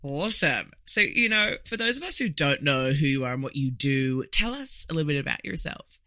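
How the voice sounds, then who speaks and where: Enthusiastic podcast host, bright voice, dry booth sound. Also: mid-range voice, very animated, a little fast, no room sound. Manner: gushing, enthusiastic, many "you know" fillers. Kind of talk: upbeat interview hosting.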